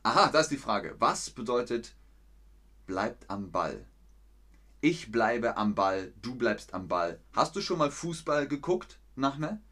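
A man teaching German in a live lesson, answering viewers' chat questions slowly and clearly with encouragement. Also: mid-range voice, sing-song, a bit bright. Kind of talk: live-streamed language lesson.

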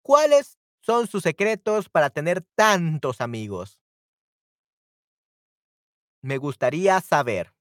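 A man leads a live Spanish grammar lesson, calling out viewers by name and switching to English to explain. He talks at an unhurried pace and stretches out example words. His pitch swings widely, and the close mic gives a dry sound. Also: very animated, a bit bright, no room sound. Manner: upbeat, reacts to viewers' comments by name. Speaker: Spanish teacher.

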